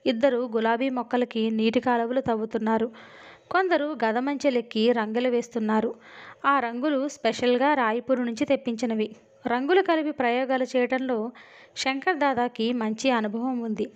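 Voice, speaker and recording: A woman reads a novel aloud in a steady, expressive storytelling voice. Her pitch sits somewhat high, and the recording is dull and lo-fi. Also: moderate pace. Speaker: audiobook narrator. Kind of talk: dramatic novel reading. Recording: dull lo-fi audio.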